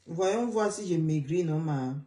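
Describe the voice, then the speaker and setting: A hoarse woman hosting a casual live chat, greeting viewers by name and repeating calls to share. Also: sits low, expressive, unhurried, dark tone, far from the mic. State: hoarse, voice partly gone. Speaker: livestream host. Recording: roomy sound, away from the mic.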